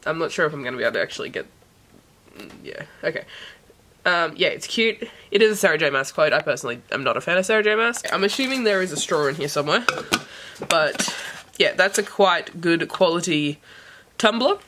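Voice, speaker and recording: A woman with a hoarse voice that is giving out from sickness, chatting casually and thinking aloud as she vlogs an unboxing. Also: lowish voice, animated, quick pace, fairly bright tone, a little hiss or hum. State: hoarse, sick-sounding voice that is giving out. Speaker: book vlogger.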